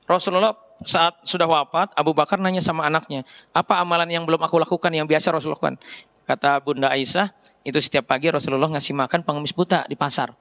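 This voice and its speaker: A man's voice: fairly high pitch, quick pace. A middle-aged man preaching a casual sermon, often asking his listeners questions. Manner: lively, asks the audience questions.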